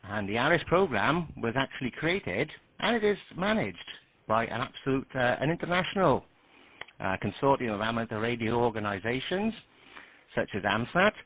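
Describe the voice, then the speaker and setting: A man's voice: mid-range voice, big pitch swings, normal speed, a little hiss or hum. A man who is a guest on an amateur radio net, explaining things in plain terms and calling out radio call signs. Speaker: guest panellist. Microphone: radio transceiver. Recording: tinny radio transmission.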